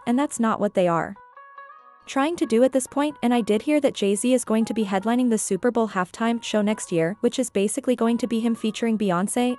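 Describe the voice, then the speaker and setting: A woman's voice: a little high, a little mellow. A woman delivering scripted entertainment gossip commentary as a narrator.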